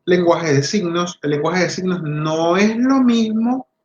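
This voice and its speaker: A male speech therapist giving a talk to parents, animated and acting out the voices of parents and children as he explains. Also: sits high, measured pace. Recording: roomy, dull lo-fi audio.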